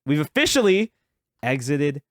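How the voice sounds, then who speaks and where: A man narrating as game master, relaxed, laughing often and repeating words as he goes. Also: on the high side, a little slow, dry recording, studio quality.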